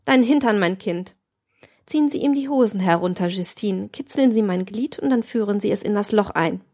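A woman's voice: medium pitch, moderate pace, darkish tone, close to an everyday voice. A woman voicing a cruel, scheming young nobleman in an audiobook, lofty and lecturing. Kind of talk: audiobook reading.

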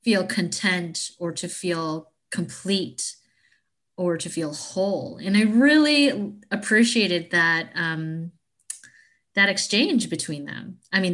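A woman from the United States co-hosting a podcast, talking reflectively and casually in a thoughtful, halting way. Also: lowish voice, fairly bright tone. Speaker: podcast co-host. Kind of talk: casual chat.

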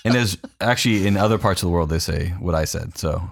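A man's voice: low voice, fast, gravelly, no echo, studio quality. A man with a Californian accent, a pastor co-hosting a podcast, joking and teasing in a casual chat. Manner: joking, teasing, reads aloud with mock gravity.

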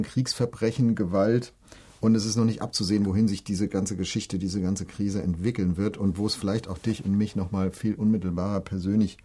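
Middle-aged male preacher, low mellow husky voice, earnest, direct to listener. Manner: earnest, addresses listener directly, reads scripture slowly. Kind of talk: devotional talk, sermon.

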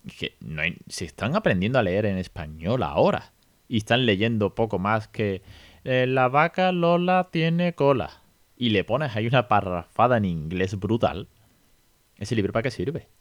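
A man in his thirties hosting a podcast, talking casually with frequent "¿no?" tags and animated rhetorical asides. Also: lowish voice, normal speed, no room sound. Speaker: podcast host.

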